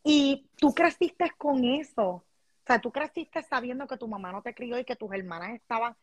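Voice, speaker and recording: High-voiced, emphatic hostess. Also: female voice, moderate pace, no room sound. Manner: lively, emphatic, motivational. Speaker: host. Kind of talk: casual interview chat.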